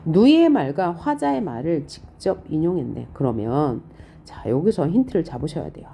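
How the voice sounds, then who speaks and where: A woman teaching a Korean literature lecture, explaining poems and reading lines aloud with lively, questioning emphasis. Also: deep voice, normal speed, vocal fry, a little hiss or hum. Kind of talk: online lecture on poetry.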